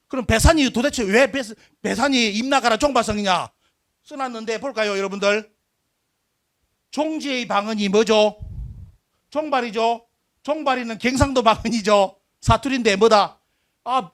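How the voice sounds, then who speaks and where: High-voiced man lecturing emphatically. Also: fairly bright tone. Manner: asks rhetorical questions and answers them himself; emphatic, drawing out key words. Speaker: history lecturer. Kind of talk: live lecture to an audience.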